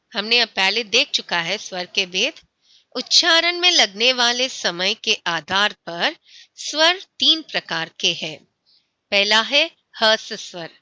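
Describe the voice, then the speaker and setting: A woman teaching a school Hindi lesson, saying words slowly, repeating them and often checking that her students follow. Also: mid-range voice, sharp tone, dry recording.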